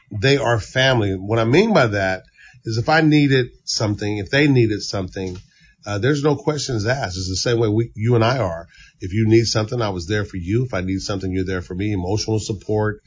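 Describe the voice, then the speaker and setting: Husky low-voiced man, heartfelt and earnest. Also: muffled recording. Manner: earnest, heartfelt, repeats for emphasis. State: tearful. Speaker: former baseball executive, youth training center owner. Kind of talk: emotional interview answers.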